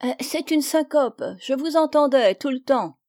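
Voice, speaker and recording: A suspicious old mother, deaf and hard, gives curt orders in a cracked voice pitched a little high, as a woman reads her aloud in a storybook reading. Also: animated, a little slow, a little mellow, dry recording, clean studio sound. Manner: curt, commanding.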